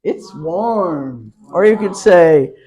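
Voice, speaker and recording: This woman has a fairly low, mellow voice that is expressive and very slow. She teaches a citizenship class, giving a pronunciation lesson in which she patiently repeats words for her learners and laughs lightly between points.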